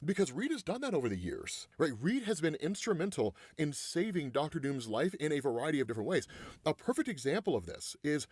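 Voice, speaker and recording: A young man hosting a casual comic book commentary, animated and peppering his talk with "right?" and "like". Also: on the high side, a little fast, husky, no echo. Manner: animated, uses "right?" and "like" a lot. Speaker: comic book video host.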